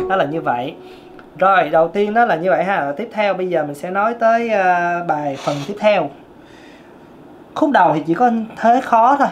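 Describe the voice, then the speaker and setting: A man's voice: fairly high pitch, slight background noise. A man with a Southern Vietnamese accent and a tenor voice, teaching a singing lesson as a vocal coach. He explains emphatically and repeats key points.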